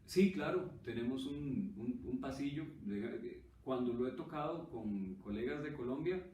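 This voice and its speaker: A man's voice: medium pitch, lively intonation, moderate pace, mellow. Costa Rican man, distant and roomy. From Costa Rica. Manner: thoughtful, often adds "¿verdad?". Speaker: musician guest. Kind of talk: conversational interview. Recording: roomy distant mic with faint noise.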